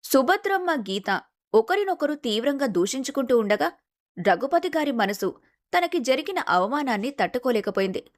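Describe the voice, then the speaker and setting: Lady narrator, storybook style, steady, fairly high voice. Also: normal speed. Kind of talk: scripted narration.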